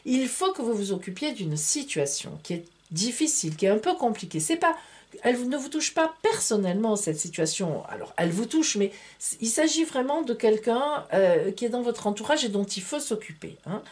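A woman's voice: on the high side, big pitch swings, moderate pace, darkish tone. A woman, chatty and playful, reading a monthly horoscope from tarot cards. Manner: chatty, playful, full of fillers like hein and voilà. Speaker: tarot reader and astrologer. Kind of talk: casual horoscope reading to camera.

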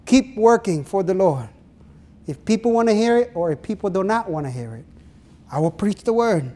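High and dark in tone, with lively intonation, the voice belongs to a middle-aged Filipino pastor whose first language is Ilonggo. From a small church pulpit he delivers an earnest sermon in a Filipino accent, drawing out his phrases and questioning the congregation.

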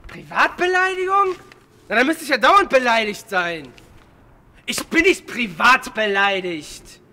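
A man's voice: high-pitched, big pitch swings, measured pace, bright, forceful tone, exaggerated voice. A man in his twenties playing an egomaniacal film actor who rants at his director in berserk, contemptuous rage, in a dramatic re-enactment. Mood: furious contempt. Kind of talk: dramatic re-enactment of an on-set tantrum. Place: open paved yard outdoors. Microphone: boom microphone. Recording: outdoor location sound, faint background noise.

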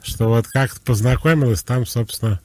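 A man's voice: medium pitch, moderate pace, no room sound. Guy giving advice on a radio call-in, easygoing talky explainer, mid voice, dry studio sound. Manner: relaxed, conversational, explaining. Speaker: psychologist.

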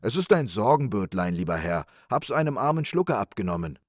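A man voicing a humble, sly old wanderer in a spoken fairy tale, mild and gentle. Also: on the low side, very animated, fairly quick, dry recording, studio quality.

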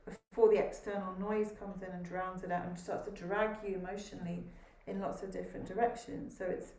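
A woman panelist on a video call giving a calm, thoughtful answer. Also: mid-range voice, brisk. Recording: distant echoey room, faint noise.

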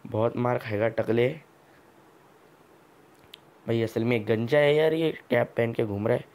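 A man's voice: medium pitch, darkish tone. A man hosting a gameplay video, giving casual commentary full of teasing, mock-scolding banter.

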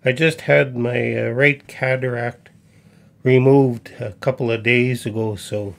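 A man in his fifties speaks slowly, with a gravelly, creaky texture. He welcomes his viewers in a folksy, pause-filled way before reading scripture aloud. He is recorded on a desk mic in a small home music room. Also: medium pitch, fairly even intonation. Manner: folksy, unhurried, with frequent pauses. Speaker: folk musician and host. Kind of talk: casual chat and Bible reading. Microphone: desk condenser mic in front.

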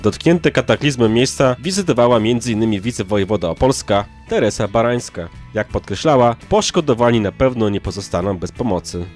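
A man's voice: mid-range voice, animated, fairly quick, hardly any pauses, a little mellow, faint music behind. A man reading scripted narration for a local news report.

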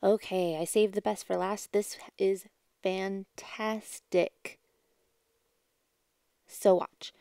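A woman giving a casual, chatty do-it-yourself voice-over as a craft vlogger, with a creaky yet smooth voice. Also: mid-range voice, fairly even intonation, drawn-out words, long pauses, dark tone, no echo, clean studio sound. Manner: chatty, informal. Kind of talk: casual DIY voice-over narration.

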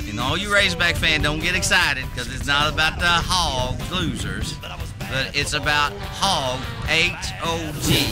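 Folksy pastor outdoors. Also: male voice, fairly high pitch. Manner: folksy, friendly, punny. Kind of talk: outdoor church announcement. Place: outdoor parking lot.

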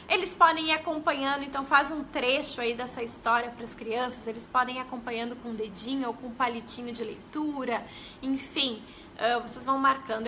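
A young woman with a Brazilian Portuguese accent, an early-literacy educator, gives chatty tips during a casual live stream in a high, bright, forceful voice. She welcomes viewers and tacks questions onto her sentences. Some slight background noise can be heard.

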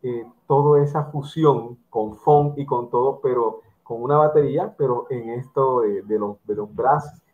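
A man's voice: mid-range voice, measured pace, hardly any pauses. A middle-aged man from Barranquilla, Colombia, hosting a drum interview over a video call, explaining to viewers and using examples. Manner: explanatory, addresses viewers directly, lectures with examples. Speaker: host of an online drum interview. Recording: tinny phone-like video call audio.

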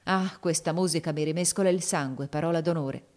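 Old soldier, proud and emotional, read by a woman, low-ish voice, fervent. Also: a little fast, a little mellow, close to an everyday voice. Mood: nostalgic. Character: old male army veteran, proud and emotional.

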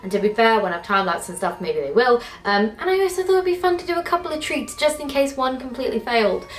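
In an echoey kitchen with faint music, a young British woman talks through her home cooking vlog at a quick pace in a fairly high, very animated voice. She's chatty and rambling, cheerfully making fun of her own mistakes.

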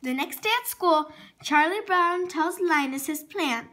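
A very high, bright female voice reads a children's storybook aloud at an unhurried pace. She is expressive, sometimes stumbling over words and then correcting herself, with slight background noise behind her.

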